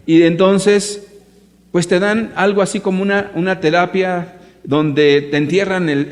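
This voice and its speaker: A preacher speaks to a gathered audience with a fairly high voice. He is emphatic and rhetorical and turns often to question his listeners. Long reverb from a large hall hangs behind every line. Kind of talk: sermon to a live audience.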